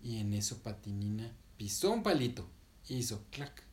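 A man's voice: lowish voice, sing-song, moderate pace, darkish tone. A man telling a children's story, playful and chatty, correcting himself and asking the listener questions.

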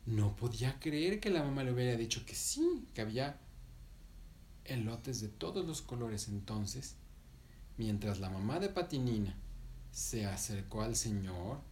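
A man's voice: mid-range voice, very animated, a little slow, darkish tone, a little hiss or hum. A man telling a children's story, playful and chatty, correcting himself and asking the listener questions.

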